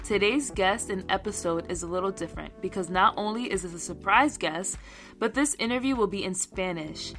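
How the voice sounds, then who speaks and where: A woman's voice: medium pitch, normal speed, over music. A woman with an American accent delivering a scripted podcast introduction as its host. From United States.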